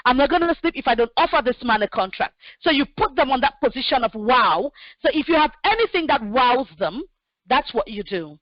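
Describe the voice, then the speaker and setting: A direct woman in her forties, originally from Cameroon, gives practical career advice in a fairly high voice, filling her pauses with "um." The sound is dry and dull, like lo-fi call audio. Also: sing-song, dry recording. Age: 40s. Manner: direct, practical, with many fillers. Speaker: human resources expert guest. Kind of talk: answering questions in an online session.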